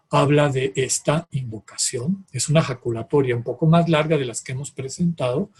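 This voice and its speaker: A man teaches on prayer at an unhurried pace, his voice very breathy and soft. He talks straight to his listeners in calm, measured phrases. His pitch sits in an ordinary middle register. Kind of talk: contemplative spiritual talk.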